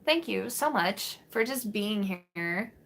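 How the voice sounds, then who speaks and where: A woman's voice: medium pitch, animated, takes it slowly, creaky, a bit bright. A woman in her late twenties chatting casually on a live stream to her viewers, rambling with lots of fillers and restarts, recorded on a webcam in a small bedroom. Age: 20s. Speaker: vlogger answering live chat. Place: small bedroom in front of a green wall.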